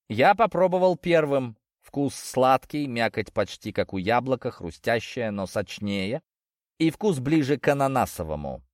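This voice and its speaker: A man narrating a fantasy story in the first person as an audiobook, in steady, expressive storytelling. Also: fairly low pitch, no room sound, studio quality.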